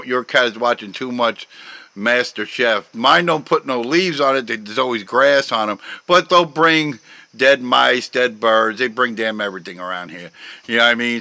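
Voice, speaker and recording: A middle-aged man rambles through casual chat, padding every thought with "you know" and letting sentences fade out quietly. His voice is bright and forward. The recording is dry and close, with no room sound. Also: mid-range voice, no room sound, low-quality recording. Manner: rambling, many fillers like "you know", trails off softly. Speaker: vlogger.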